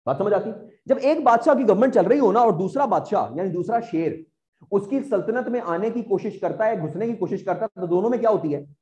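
A man's voice: sits high, lively intonation, brisk, a little mellow, dull audio. A man with a Pakistani Urdu accent lecturing exam students as a teacher, asking rhetorical questions and often checking whether they follow.

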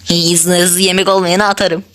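A woman hosting a gaming channel, giving chatty, excitable gameplay commentary, laughing often and talking straight to her viewers. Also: lowish voice, normal speed.

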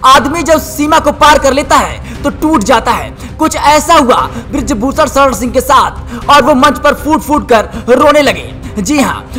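A woman's voice: high voice, a bit bright. A woman narrating a scripted news report as a voice-over, with an emphatic, dramatic headline delivery.

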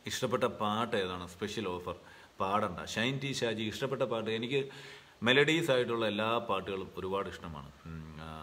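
A young man on a live stream, reading fan comments aloud and answering them in a relaxed, chatty way with many fillers, from his home. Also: lowish voice, slight background noise. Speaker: serial actor answering fan questions.

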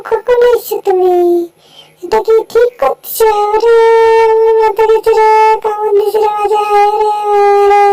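A woman voicing a battered male cartoon cat in a comic fan dub, wailing and complaining in a shrill squeal. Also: vocal fry, full character voice, poor audio.

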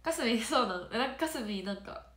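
A woman's voice: a little high, lively intonation, brisk. Stuffy-nosed woman, nasal and giggly, chatting on a livestream in an echoey room. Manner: chatty and giggly, drifting between soft murmurs and brighter bursts. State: stuffy nose. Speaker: idol trainee on a livestream. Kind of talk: casual livestream chat answering comments. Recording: roomy echo.

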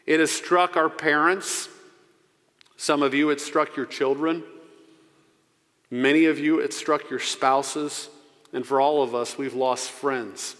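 A man in his forties preaching a sermon into a pulpit microphone as pastor. He speaks earnestly and slows down to stress key phrases. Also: on the high side, fairly even intonation, a bit bright. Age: 40s. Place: church sanctuary. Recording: long church reverb.

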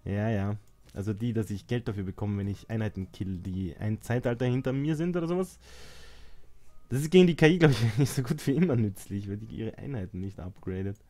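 A man's voice: on the low side, brisk, mellow. A young man casually commenting on his strategy game, sarcastic and chatty, talking to his units and muttering at distractions. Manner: chatty, sarcastic, talks to game units and phone, mixes English swears. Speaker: let's play host.

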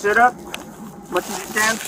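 High-voiced policeman in a noisy cabin. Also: steady tone, moderate pace. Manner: informal, explanatory, checks for agreement. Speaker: police officer. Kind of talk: instructing and questioning a detainee. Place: aircraft cabin, body-worn camera. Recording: noisy aircraft cabin body-camera audio.

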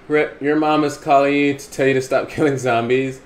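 A young man streaming a zombie game, loud and profane, shouting at the game as he plays. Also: medium pitch, steady tone, normal speed. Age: young adult. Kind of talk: live gameplay commentary. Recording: echoey room, faint hiss.

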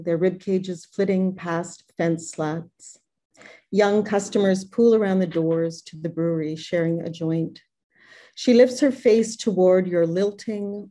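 An older woman reading a prose poem in a calm, unhurried way, speaking over a video call from a room at home. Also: on the low side. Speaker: poet reading her work. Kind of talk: poetry reading. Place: home room with posters and books.

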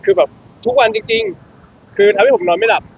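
A man's voice: high-pitched, wildly swooping pitch, moderate pace, gravelly. A young man from a band, chatting animatedly in an interview. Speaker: band member guest. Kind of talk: casual interview answers. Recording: muffled event recording, faint noise.

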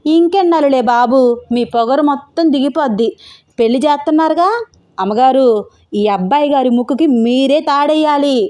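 A woman's voice: high-pitched, normal speed, dark tone, pitched above the performer's own voice, close to an everyday voice. A woman voicing a chatty, blunt village housemaid speaking rustic dialect. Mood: cheeky. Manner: rustic dialect speech, cheeky.

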